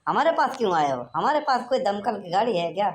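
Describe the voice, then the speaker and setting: A woman's voice: mid-range voice, sing-song, fast talker, slight background noise, natural voice. A woman voicing a crafty male village headman in a cartoon, bossy and lecturing in an Awadhi accent. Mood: scolding. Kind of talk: cartoon comedy voice acting.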